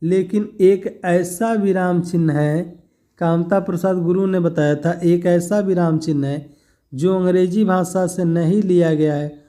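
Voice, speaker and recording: A man's voice: high voice, warm tone. A man teaching a grammar lesson for exam preparation, explaining step by step and answering his own questions.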